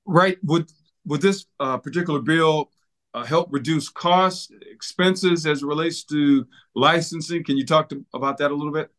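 A man's voice: on the high side, moderate pace, a bit bright. A man hosting an interview, asking questions and encouraging his guest in a friendly way. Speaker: host.

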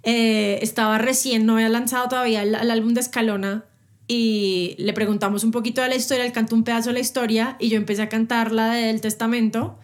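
A woman, a TV presenter, telling stories quickly and animatedly in a casual interview. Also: a little high. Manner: fast, animated storytelling. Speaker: guest, TV presenter.

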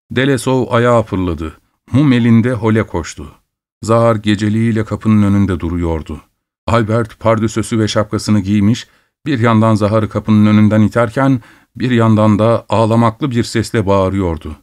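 A man narrates a classic novel in a low-pitched, steady voice. His reading is measured and literary, the plain delivery of an audiobook. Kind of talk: scripted narration.

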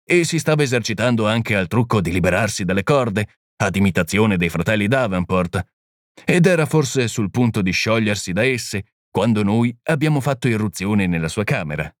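A man reading the part of a small, gentle priest-detective who explains things calmly and patiently. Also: fairly low pitch, moderate pace, no room sound, clean studio sound, lightly acted. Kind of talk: audiobook reading.

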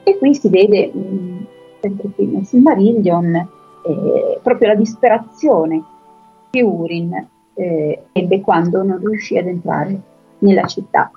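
A woman retelling a fantasy story in an unhurried way, pausing often with filler sounds and reading passages aloud from the book. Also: medium pitch, slightly rough. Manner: unhurried, pauses often with filler sounds while she explains. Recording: dull lo-fi recording with faint music.

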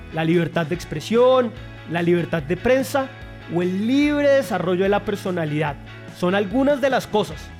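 A Colombian man from Bogotá narrates in a high-pitched voice with his local accent. The delivery is scripted but playful and colloquial, over light background music. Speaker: podcast host.

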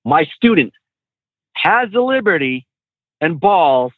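A man's voice: on the high side, very animated, takes it slowly, no echo, narrow, tinny audio. A man who trains truck drivers, telling road stories in a casual, slangy way full of fillers and restarts. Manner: laid-back, slangy, many fillers and restarts. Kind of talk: casual storytelling.

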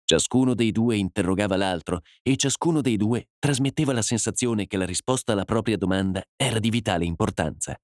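A man narrating a dramatic story as an audiobook, in a measured, dramatic way. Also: fairly low pitch, dry recording, clean studio sound.

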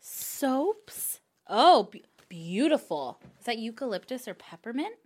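A woman co-hosting a podcast who excitedly gushes over fan mail in casual chat. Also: a little high, measured pace, slightly rough. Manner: excitable, gushing, exclamatory. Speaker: podcast co-host.

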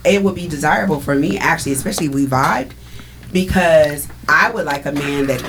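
A woman's voice: sits low, a little fast, fairly bright tone, a little hiss or hum. A woman talking frankly and at length in a casual group chat.

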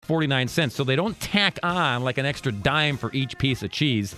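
A man's voice: medium pitch, lively intonation, normal speed, bright, forceful tone, soft background music. A man hosting a radio show on a studio mic, bantering playfully in casual chat.

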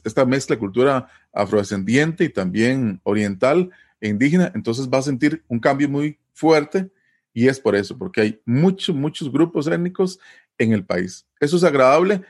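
A man's voice: mid-range voice, expressive, normal speed. A man from Costa Rica with a Costa Rican Spanish accent, explaining things in a conversational interview and often checking in with tag questions.

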